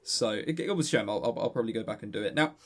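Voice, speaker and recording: Husky and fairly low, this man from England fires off his words rapidly with lively intonation. As a podcast co-host, he reviews casually and rambles, often stammering on repeated words.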